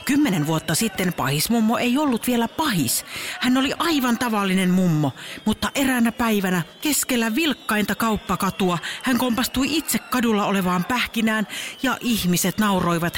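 A woman narrates a children's story with a lively, expressive voice that rises and falls a lot. Her pitch is mid-range and her delivery is in a scripted storybook style. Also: slight background noise.

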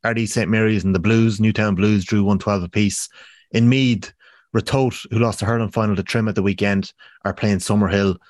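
A man's voice: fairly low pitch, steady tone, fairly quick, a little mellow, no echo, clean studio sound. A man with an Irish accent hosting a casual sports podcast, giving a round-up.

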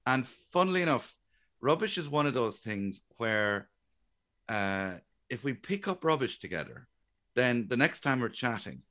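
Chatty Irish man with low voice. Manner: chatty, animated, jokey storytelling. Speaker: guest comedian. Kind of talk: radio interview.

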